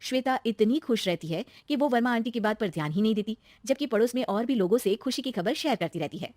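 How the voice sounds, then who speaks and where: A woman narrating a scripted cartoon story for kids with brisk, clear storytelling. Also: fairly high pitch, animated, darkish tone, dry recording.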